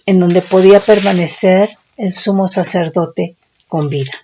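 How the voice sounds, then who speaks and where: A woman teaching a sermon as a Bible teacher, speaking deliberately and checking in with her listeners again and again. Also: fairly low pitch, dark tone, slight background noise.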